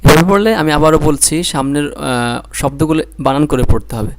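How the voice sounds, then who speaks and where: Background noise accompanies a higher-voiced man speaking at normal speed as he leads a spelled-out Quran recitation lesson. Patiently, in a Bangladeshi Bengali accent, he breaks the words into syllables and repeats each one.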